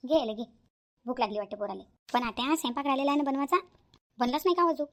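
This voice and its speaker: A woman's voice: high voice, expressive, fast talker, fairly bright tone. A woman voicing an overworked, complaining young daughter-in-law in a cartoon.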